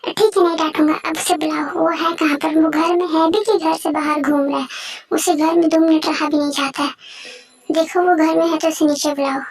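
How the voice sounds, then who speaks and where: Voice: high voice, flat delivery, moderate pace, soft background music. A performer voicing a middle-aged businessman father who scolds and complains about his son. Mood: grumbling.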